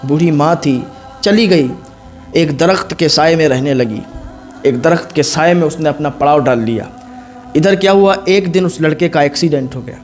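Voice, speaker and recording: A man's voice: moderate pace, soft background music. Impassioned male preacher telling a moral story. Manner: acts out quoted voices, rising in pitch and force. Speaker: Islamic preacher. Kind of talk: emotional storytelling sermon.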